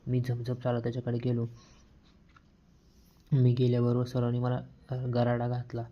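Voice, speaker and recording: A man reads a novel aloud as its first-person narrator, at a normal speed with a steady, even storytelling pace. His pitch hardly shifts, making him sound almost monotone, and the audiobook recording is dull and slightly lo-fi.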